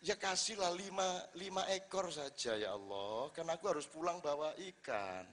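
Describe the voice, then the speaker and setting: A man's voice: fairly high pitch, animated, normal speed, fairly bright tone. A man playing a brash fisherman who haggles with God in a cheeky, demanding way, told as a joke in a sermon. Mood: indignant haggling. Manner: cheeky, demanding, mock-indignant. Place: large hall at an evening religious gathering.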